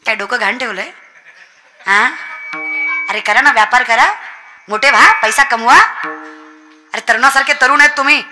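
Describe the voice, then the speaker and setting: A woman's voice: fairly high pitch, steady tone, moderate pace, pauses often, music in the background. A woman preaching a comic devotional kirtan, rousing and scolding her listeners with jokes.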